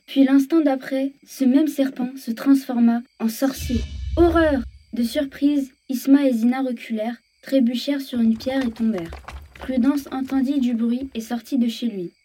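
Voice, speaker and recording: High-voiced female storyteller, mellow, slightly distant. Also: fairly even intonation, normal speed, breathy edge. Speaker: narrator. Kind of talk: children's storybook narration.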